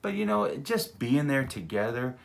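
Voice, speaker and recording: A man from Texas, an animated storyteller who chuckles often and repeats words in a casual vlog. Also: mid-range voice, normal speed, vocal fry. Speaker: vlogger.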